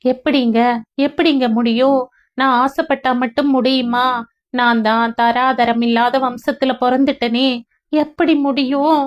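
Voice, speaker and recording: A woman's voice: high-pitched, fairly even intonation, unhurried, highs cut off. Timid, tearful young wife in a storybook, pleading and questioning, read by a woman narrator.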